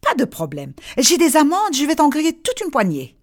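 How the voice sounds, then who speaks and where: A woman's voice: high-pitched, wildly swooping pitch, normal speed, voice pushed up. A woman doing a fussing village neighbor. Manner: fussing and exclaiming.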